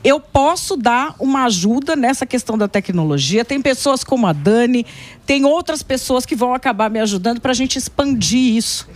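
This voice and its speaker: A woman's voice: on the high side, lively intonation, moderate pace. A woman from Brazil, a columnist guest on a talk show, speaking earnestly about her mission and her faith. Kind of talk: casual talk show chat.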